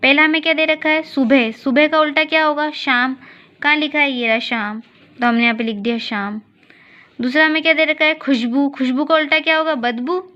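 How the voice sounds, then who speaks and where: Woman teacher, high voice, slow patient classroom walkthrough, dull lo-fi sound. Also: fairly even intonation. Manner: slow, patient, asks and answers her own questions. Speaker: school teacher. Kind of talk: recorded class lesson.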